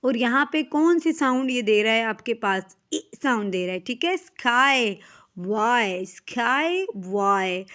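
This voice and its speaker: A woman's voice: fairly high pitch, expressive, moderate pace, few pauses. A woman with a Pakistani accent teaching young children phonics, reading words aloud and checking understanding with frequent questions. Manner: mixes English reading with Urdu-Hindi explanation, asks checking questions. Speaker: English teacher. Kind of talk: classroom lesson explaining phonics.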